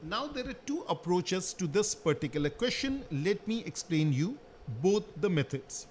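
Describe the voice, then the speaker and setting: A maths teacher with a rather high voice talks through a worked solution one step at a time, putting questions to the class and answering them himself. A faint hiss of background noise sits under his voice. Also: sing-song, normal speed, darkish tone.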